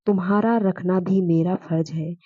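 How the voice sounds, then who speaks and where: A woman's voice: lowish voice, steady tone, measured pace, husky, no room sound, narrow, tinny audio. A woman voicing a kind, widowed elderly father-in-law who speaks affectionately and reassuringly to his daughter-in-law in a storybook reading.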